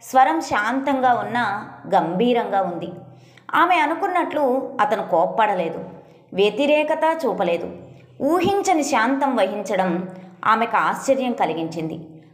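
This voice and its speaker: Woman storyteller, scripted narration, steady literary reading, high voice, echoey room. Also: unhurried, long pauses.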